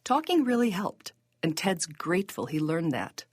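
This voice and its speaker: A woman reading scripted documentary narration in a measured, plain way. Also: on the low side, very animated, a little mellow, slightly rough, no echo, studio quality.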